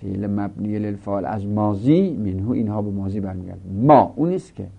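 A man teaching a grammar lesson, explaining a text slowly and repeating example words one after another. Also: lowish voice, expressive, creaky. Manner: slow, repetitive, drills example words. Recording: dull lo-fi recording.

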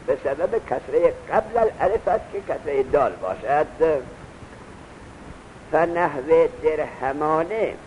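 A man's voice: a little high, darkish tone, muffled recording, slight background noise. A man teaching Arabic grammar in a classroom lecture, repeating his points and quizzing his students. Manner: urges students to take notes.

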